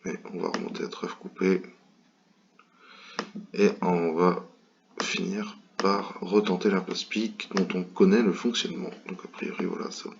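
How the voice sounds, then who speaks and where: A man's voice: sits low, steady tone, unhurried, creaky, pauses often, muffled recording, slight background noise. A man from France commentating an online bridge tournament in a casual, hesitant way, with many fillers and restarts.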